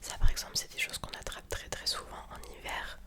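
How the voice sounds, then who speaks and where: In a soft, leisurely whisper, a woman suffering from a cold and sore throat unboxes a sponsored box for her ASMR video, delivering the sponsor read with gentle care.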